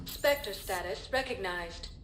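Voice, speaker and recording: A calm female elevator computer, making slow, measured automated announcements in a mid-range tone. The voice rings with a roomy echo, and loud game music plays behind it. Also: medium pitch.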